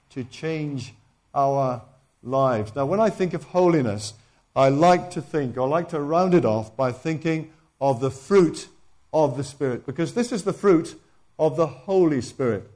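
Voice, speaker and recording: A man delivers a sermon in a somewhat high voice. He leans hard on key phrases, repeating them for weight, and often restarts a sentence midway. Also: darkish tone. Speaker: preacher.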